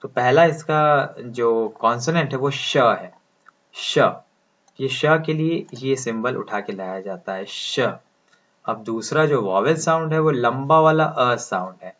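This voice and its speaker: A man's voice: mid-range voice, lively intonation, a bit bright. A man teaching English pronunciation, explaining step by step and drawing out each sound as he writes it. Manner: slow, deliberate, drawing out sounds as he writes symbols. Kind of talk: explaining lesson, speaking Hindi. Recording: dull lo-fi sound.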